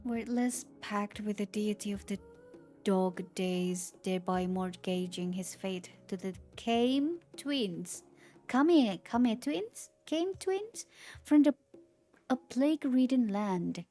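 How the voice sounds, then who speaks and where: Slow, mellow-voiced woman reading lore. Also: medium pitch, soft background music. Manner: reads slowly, stumbles on words, breaks off to react. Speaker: streamer reading game lore. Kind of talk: casual lore reading aloud.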